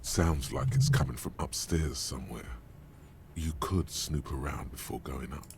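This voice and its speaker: A man's voice: extremely low pitch, unhurried, vocal fry, darkish tone, a little hiss or hum, pitched below the performer's own voice, heavily acted. A man voicing the wry, ominous inner voice of a detective, narrating a video game with drama. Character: brooding inner voice of a male detective.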